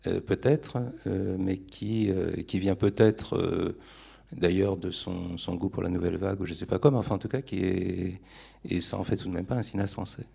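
Halting, gravelly low-voiced man. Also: fairly even intonation, mellow. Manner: hesitant, many fillers. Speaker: filmmaker guest. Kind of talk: panel discussion.

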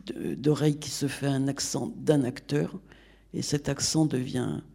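A man's voice: medium pitch, fairly even intonation, a little slow, gravelly, mellow, breathy edge. A man on a discussion panel, speaking in an opinionated, discursive way. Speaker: panel guest.

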